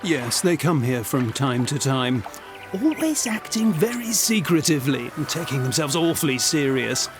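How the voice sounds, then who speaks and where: A pompous, smug genie from a comic video game. His fairly high voice swoops through wordy, condescending phrases, with music clearly playing behind. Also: very animated, moderate pace. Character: pompous male genie turned smug psychotherapist.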